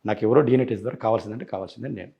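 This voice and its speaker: A man's voice: on the low side, rapid-fire, vocal fry, dark tone. A man in an interview, recounting events insistently and acting out quoted dialogue in other voices. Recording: dull lo-fi recording.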